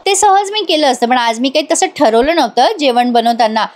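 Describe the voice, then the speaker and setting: A woman voicing a calm, cutting young wife who brushes off her husband, in a drama recap. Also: sits high, brisk. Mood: cool cutting.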